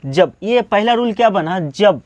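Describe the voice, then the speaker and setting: A man's voice: high-pitched, expressive, a little slow, no room sound, highs cut off. A man teaching English pronunciation, who keeps asking questions and answering them himself. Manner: repetitive question-and-answer drilling, asks then answers himself. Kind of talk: classroom-style spoken lesson.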